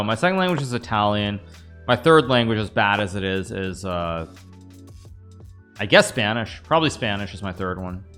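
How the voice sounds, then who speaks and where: An American man in his thirties streams a chess game, thinking aloud and answering chat questions in a casual, rambling way. His medium-pitched voice is bright and forceful.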